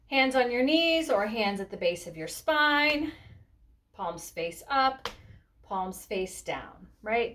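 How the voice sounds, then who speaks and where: Casting: woman yoga teacher, fairly high voice, instructive step-by-step delivery with casual check-ins. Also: fairly bright tone, a little hiss or hum. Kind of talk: spoken step-by-step demonstration lesson.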